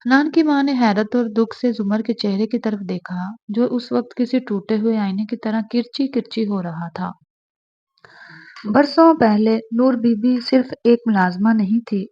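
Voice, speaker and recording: A woman's voice: fairly high pitch, highs cut off. Woman narrating a romance novel.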